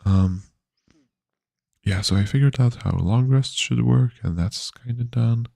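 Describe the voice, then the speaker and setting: A man's voice: mid-range voice, normal speed, vocal fry, warm tone, dry recording, studio quality. A man streaming his game development work, talking casually and sleepily with many fillers and restarts. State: yawny. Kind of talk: casual live-stream devlog.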